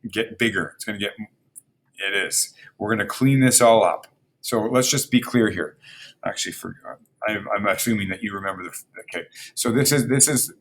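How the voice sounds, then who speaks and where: Male math teacher, lowish voice, informal lecture, thinks aloud with fillers and restarts. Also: a bit bright, a little hiss or hum. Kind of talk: recorded math lesson, talking through slides.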